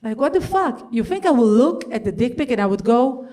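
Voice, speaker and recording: A woman's voice: on the high side, expressive, brisk, mellow. A middle-aged woman performing a stand-up comedy set on a club stage, brash and crude, acting out quotes.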